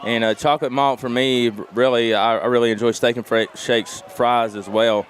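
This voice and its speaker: A man giving color commentary on a local high school football broadcast, earnest and halting, with many fillers. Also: steady tone, slight background noise.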